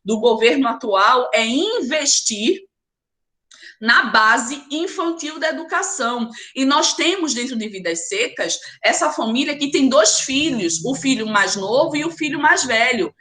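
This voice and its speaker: Unhurried yet sharp, her high-pitched voice is expressive as she teaches literature in a live online class with a Brazilian Portuguese accent. She speaks emphatically, urging students on and naming them directly.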